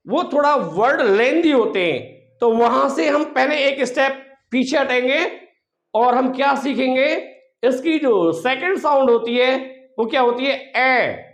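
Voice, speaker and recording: Male teacher, high voice, unhurried, drills sounds back to the class; roomy echo. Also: fairly bright tone. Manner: asks rhetorical questions and repeats sounds slowly as drills. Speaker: English teacher. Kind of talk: classroom pronunciation lesson.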